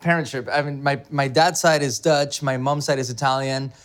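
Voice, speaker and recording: A man's voice: medium pitch, steady tone, moderate pace, a bit bright. A middle-aged man from Mexico, a beverage director, talking enthusiastically in an interview with many fillers and restarts. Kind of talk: conversational interview.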